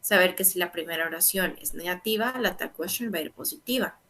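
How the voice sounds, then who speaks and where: Lady teacher, bright clear voice, keeps asking verdad, patient explainer. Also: lowish voice, brisk. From Guatemala. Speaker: English teacher. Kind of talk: online lecture explaining grammar.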